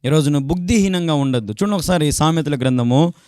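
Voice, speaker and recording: Fervent Telugu-accented pastor, higher voice. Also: male voice, lively intonation, quick pace, mellow, smooth, no echo, clean studio sound. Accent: Telugu, Andhra Pradesh. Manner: acts out quarrels in raised voices; fervent exclamations of hallelujah. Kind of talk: sermon.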